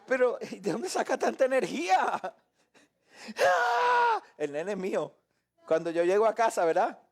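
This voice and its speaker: Brief: high-pitched male preacher, lively teaching delivery, acts out scenes, quick to joke. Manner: animated, acts out voices and shouts; jokes and laughs with listeners. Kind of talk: live Bible teaching.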